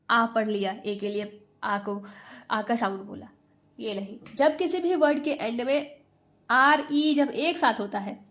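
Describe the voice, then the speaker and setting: High-pitched lady tutor, super slow, sounds out letters one by one, repeats everything. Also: fairly bright tone. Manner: patient, repeats each word. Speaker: English pronunciation tutor. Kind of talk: Hindi phonics lesson.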